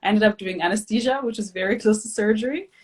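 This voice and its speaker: A woman from Ethiopia in her thirties, hosting a casual live chat, relaxed and chatty with many fillers. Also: medium pitch, quick pace. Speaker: host, physician.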